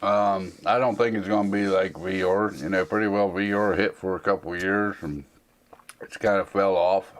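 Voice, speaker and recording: A man's voice: low-pitched, fairly even intonation, normal speed, a little hiss or hum. A man, hosting a casual Q&A and rambling in a folksy, plain-spoken way with plenty of fillers. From United States. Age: 40s. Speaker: host answering viewer questions. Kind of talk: casual Q&A chat.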